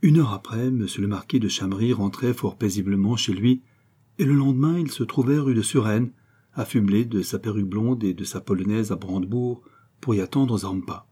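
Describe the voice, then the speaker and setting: Husky, mellow male audiobook narrator. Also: lowish voice. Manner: steady, measured storytelling. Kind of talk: scripted narration.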